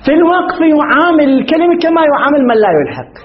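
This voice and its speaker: A man with a fairly high voice teaches a grammar lesson. He asks his class questions, answers them himself and repeats the example words slowly. The recording sounds dull and lo-fi. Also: big pitch swings. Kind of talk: explaining a grammar text.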